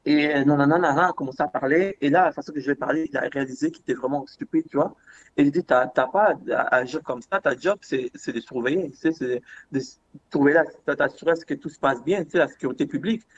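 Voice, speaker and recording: A young man telling a story in casual chat, animated, repeating words and acting out the dialogue. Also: fairly high pitch, quick pace, slight background noise. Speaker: podcast guest. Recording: dull lo-fi sound.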